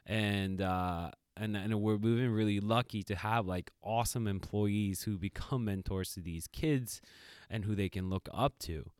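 Clear, resonant and on the low side, this middle-aged man's voice keeps a measured pace as he co-hosts a casual podcast. His storytelling is reflective and animated, loaded with fillers and restarts. The recording is dry, with clean studio sound.

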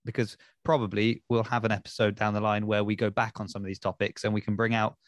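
Low-voiced man co-hosting a podcast. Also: little pitch movement, quick pace, no echo. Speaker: podcast co-host. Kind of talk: casual podcast chat.

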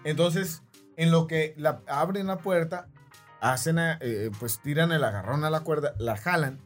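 A man's voice: a little high, measured pace, faint music behind. A man with a Mexican accent hosting a podcast, telling a story in a rambling way and often checking in with his listeners. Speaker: podcast host. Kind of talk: casual storytelling.

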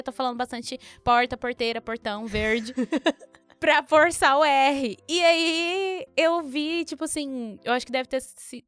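A woman with a Mato Grosso Brazilian accent, hosting a casual podcast chat and telling stories with lots of laughter. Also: sits high. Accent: Mato Grosso Brazilian Portuguese. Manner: storytelling, animated, laughing often. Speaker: podcast host.

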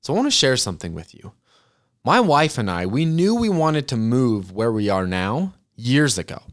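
A man's voice: mid-range voice, sing-song, moderate pace. A man in his twenties hosting a podcast, talking casually and earnestly to his listeners about goals and chatting to them like friends. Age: 20s. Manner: earnest, chatty, addresses listeners as "you guys". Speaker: podcast host. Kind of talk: casual motivational talk.

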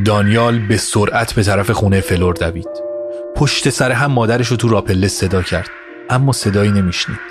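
Guy reading a story, low steady voice, music playing under him. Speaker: narrator. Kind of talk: scripted audio story narration. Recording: narration over music score. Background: music score.

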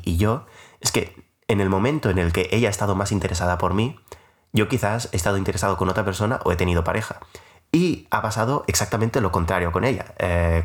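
Young guy, deep voice, casual podcast storytelling, kinda rambly and laughing at himself. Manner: rambling, self-mocking, many filler "eh"s. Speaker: podcast host telling a personal story.

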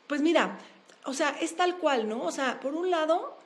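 A woman with a Mexican accent speaks in a bright, high register. She talks in a casual, animated way and stresses her points hard. She keeps firing off quick rhetorical questions. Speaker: guest, open-water swimmer and speaker. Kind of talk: casual interview talk.

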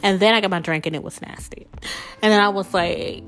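A woman who hosts a podcast and works as a spiritual coach shares personal stories in a casual, candid way, sprinkling in plenty of "like" and "you know." Her medium-pitched voice is brisk with a fairly bright tone, and faint music plays behind her.

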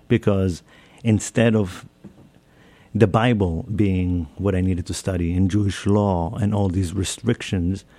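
A man's voice: on the low side, gravelly, warm tone, no room sound. A man, giving a reflective personal talk and often repeating and rephrasing his phrases. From Israel. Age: 30s. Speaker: speaker. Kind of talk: personal talk on self-care.

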